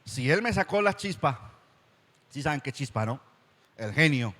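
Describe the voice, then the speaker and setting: A man's voice: big pitch swings, normal speed, fairly bright tone. A man preaching a sermon as pastor, repeating words for emphasis. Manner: acts out church members' objections in a higher whiny voice. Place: church hall. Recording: church hall reverb.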